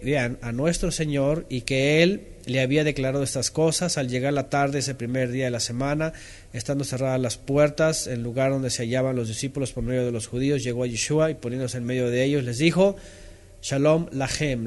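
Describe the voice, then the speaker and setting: A man's voice: medium pitch, steady tone, fairly quick. A man teaching a Bible lesson, asking questions, reading out listeners' answers and reading passages aloud with comments. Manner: asks questions, reads out responses from listeners; reads scripture aloud, stopping to comment.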